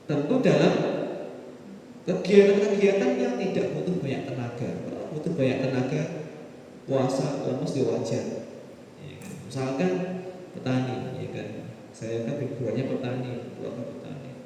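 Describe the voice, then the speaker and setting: A man's voice: medium pitch, expressive, normal speed, dark tone, slight background noise. A man with a Javanese accent preaching a mosque sermon in a conversational way, often asking the audience questions. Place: mosque hall. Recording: echoey hall from far off.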